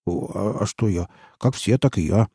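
A man's voice: fairly low pitch, normal speed, gravelly, mellow, breathy edge, dry recording, studio quality. A man reading aloud and voicing a fawning, frightened male snitch who pleads and wheedles in folksy slang. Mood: wheedling.

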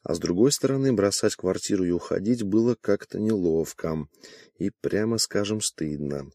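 A man narrating an audiobook in an even, unhurried reading. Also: sits low, no room sound, studio quality.

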